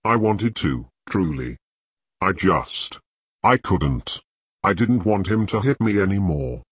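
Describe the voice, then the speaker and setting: A man voicing a timid, tearful fat young nobleman recruit who talks in halting, apologetic stammers. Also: deep voice, big pitch swings, fairly bright tone, husky, no echo, heavily acted. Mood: ashamed.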